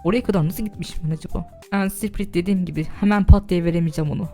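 A woman's voice: fairly low pitch, fairly even intonation, racing, warm tone, soft background music. A young woman chatting casually while streaming a game live as server admin, talking to her chat with bursts of laughter and shrieks.

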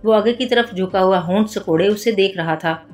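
A woman reads a detective novel aloud in a steady storytelling voice. Her pitch sits at an ordinary level. Soft music runs underneath. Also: normal speed. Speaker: narrator. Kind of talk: audiobook narration of a detective novel.

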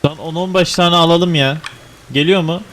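Guy streaming a farm game, kinda high voice, grumbles and swears at it, faint hiss and keys clacking. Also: fairly even intonation, normal speed, fairly bright tone. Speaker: gaming streamer. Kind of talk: casual gameplay commentary.

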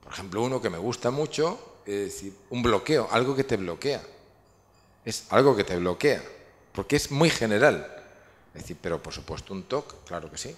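A man's voice: mid-range voice, a bit bright. Man lecturing in a reverberant hall. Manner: rambling, many restarts and fillers. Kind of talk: public lecture with audience questions.

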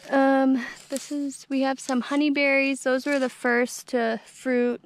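A woman's voice: high voice, level tone, measured pace. A young woman giving a casual walking tour of her homestead garden, talking easygoing and chatty with lots of fillers, filmed on a handheld camera outdoors. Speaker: homestead vlogger. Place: outdoors in a rural garden on a hot day. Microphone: handheld action camera.

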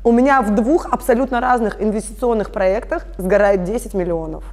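In a conversational interview, a woman in her thirties talks briskly about her work as a family constellations facilitator. Her voice is medium in pitch and darkish, and her manner is earnest and explanatory, addressed directly to listeners.

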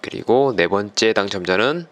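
A man's voice: lowish voice, lively intonation, normal speed, a bit bright. A man hosting a YouTube channel, presenting a giveaway winner announcement in polite, formal phrasing.

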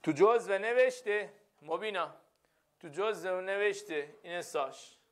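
A male teacher giving a classroom lesson, repeating phrases and often checking that the students follow. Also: high voice.

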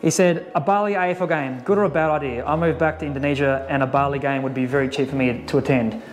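A man's voice: medium pitch, steady tone, quick pace, soft background music. A young Australian man hosting a casual, blokey chat and putting questions in slangy language. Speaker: host asking questions. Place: basement games room, indoors.

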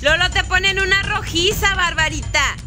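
A young woman from Mexico with a northern Mexican accent, commentating a video game with friends in a loud, shrieking, teasing, laughing way. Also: very high voice, normal speed, soft background music, some chatter behind. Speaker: gaming streamer. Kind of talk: excited gameplay commentary with friends.

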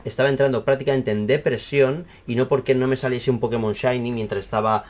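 A young man with a Spain Spanish accent, casually explaining a camera problem in an animated, exaggerated way, full of fillers and swearing. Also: medium pitch, fast talker. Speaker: math teacher and YouTuber. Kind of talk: casual rambling tech explainer.

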